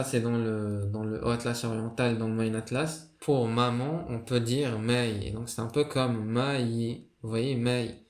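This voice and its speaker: A man giving a casual spoken lesson on a writing system, hesitant and full of fillers and restarts. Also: medium pitch. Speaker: video creator explaining a writing system. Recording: roomy echo.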